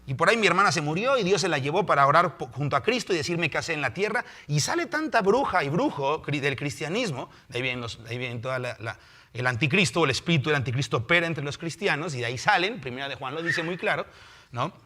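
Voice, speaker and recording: Mexican male preacher, higher voice, lively sermon delivery. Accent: Mexican Spanish. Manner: animated, acts out biblical figures in quick voices. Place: house of prayer.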